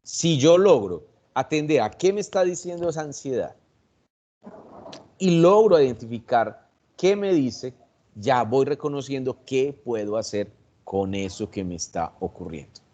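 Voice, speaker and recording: Colombian man, psychologist guest, thoughtful, unhurried explainer, mid-range voice. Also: mid-range voice, animated, dark tone, muffled recording. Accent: Colombian Spanish. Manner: reflective, measured, with pauses and restarts. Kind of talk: explanatory talk on anxiety. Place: online video session.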